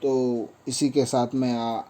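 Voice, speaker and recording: A man's voice: mid-range voice, flat delivery, takes it slowly, dark tone. A man teaching a class, who recites lines of verse in a sing-song way with repeated phrases and then explains their meaning.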